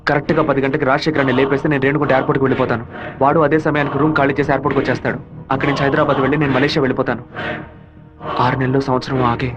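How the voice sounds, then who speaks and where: A man's voice: medium pitch, lo-fi sound, natural voice. A man dubbing a determined young son in an action film, speaking earnestly and steadily. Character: determined young village son, calm and resolute. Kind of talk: dubbed film dialogue.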